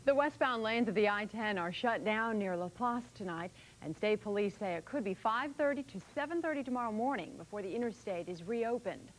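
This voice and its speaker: A woman's voice: medium pitch, animated, a little fast, few pauses, a little hiss or hum, low-quality recording. A woman anchoring a news broadcast, reading scripted stories.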